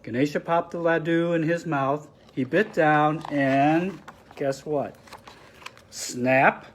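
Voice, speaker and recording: A man's voice: fairly high pitch, slow, a little hiss or hum. A man reading a picture book aloud to children, explaining the pictures with friendly asides. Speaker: storybook reader.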